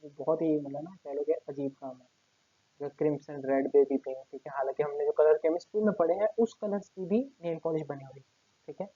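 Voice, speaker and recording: A man's voice: fairly high pitch, a little fast, slightly rough, dry recording. A male teacher giving a recorded class lecture while seated at his table, explaining step by step and checking in with his students after almost every point. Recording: tinny phone-like lo-fi audio.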